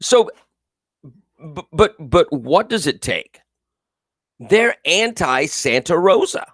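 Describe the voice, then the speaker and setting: On a dry, studio-quality recording, a man with a somewhat high, fairly bright voice hosts a live political call-in show. His big, carrying voice delivers emphatic, repetitive commentary, and he reads viewers' comments aloud.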